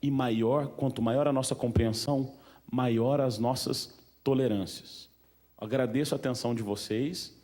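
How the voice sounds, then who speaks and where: A Brazilian man speaks at a museum event in an easygoing, conversational way. His voice sits at an ordinary mid pitch, and he keeps turning to the audience with questions and little fillers. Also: steady tone, measured pace, darkish tone. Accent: Brazilian Portuguese. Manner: chatty, asks the audience questions, many fillers. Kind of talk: informal talk to an audience.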